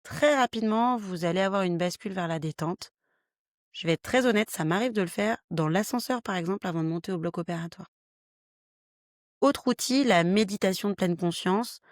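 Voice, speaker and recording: A woman's voice: mid-range voice, normal speed, no echo. Frank woman with a dry, close sound. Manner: explanatory, frank, lists practical tips. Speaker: podcast host, health worker. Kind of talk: solo podcast talk, lightly scripted.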